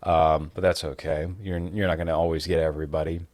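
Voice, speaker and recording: A very low-voiced man co-hosting a podcast, speaking slowly and deliberately and drawing out his words. The recording is dry and close, with no room sound. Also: level tone, darkish tone, dry recording. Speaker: podcast co-host. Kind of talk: casual podcast chat.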